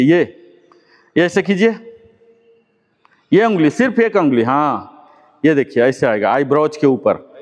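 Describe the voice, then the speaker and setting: A man teaching a live yoga class, his slightly high voice ringing with a long echo off the room. He breaks every step down patiently, repeating key words and dropping English terms into his explanations. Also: dull audio. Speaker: yoga instructor. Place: yoga class with students present. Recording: long echoing room reverb.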